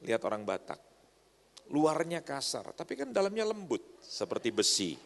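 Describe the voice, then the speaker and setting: A man's voice: medium pitch, sing-song, moderate pace, gravelly, a little hiss or hum. A man preaching a humorous sermon to a congregation, often stopping to ask if they agree. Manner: joking, often asks the crowd to agree. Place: church hall. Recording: long church hall reverb.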